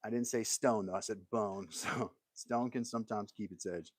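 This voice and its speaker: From his workshop, an American man hosts a casual woodworking livestream, rambling in an easygoing way and answering viewer comments. His voice is lowish and steady, at normal speed, in a dry recording.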